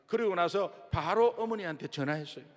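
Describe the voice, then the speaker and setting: A middle-aged male pastor with a Gyeongsang accent, preaching a revival sermon as an animated storyteller who acts out dialogue with humor. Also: sits high, a little fast. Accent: Gyeongsang Korean. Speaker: guest pastor. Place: large church sanctuary. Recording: long reverb of a big sanctuary.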